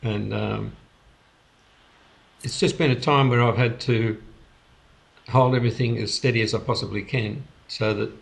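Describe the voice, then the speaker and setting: A man hosting a spiritual gathering over a video call, speaking in an unhurried, halting way with restarts. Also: mid-range voice, steady tone, creaky. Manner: unhurried, halting, with many restarts and soft laughs. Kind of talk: casual reflective talk on a video call.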